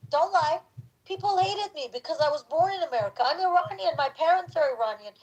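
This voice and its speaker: A woman in her forties with a high voice talks in a loose, unscripted panel discussion. She leans on her points and repeats words to drive them home. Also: lively intonation, fairly quick, highs cut off. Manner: emphatic, repeats herself for stress. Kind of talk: casual live discussion.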